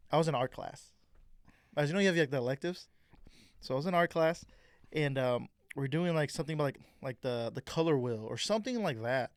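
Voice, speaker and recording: A young man co-hosting a casual chat, slangy and animated, acting out voices in his stories. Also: medium pitch, dry recording, clean studio sound. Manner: animated storyteller, slangy, acts out quotes. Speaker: co-host.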